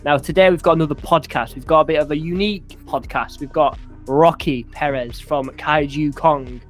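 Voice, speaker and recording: A man's voice: on the high side, moderate pace, faint music behind. A young man hosting a podcast, chatting casually and swearing now and then. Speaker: podcast host.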